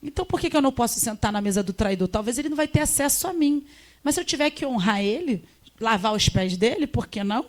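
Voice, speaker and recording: Emphatic high-voiced woman testifying. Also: fast. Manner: emphatic, animated storytelling. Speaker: guest, missionary.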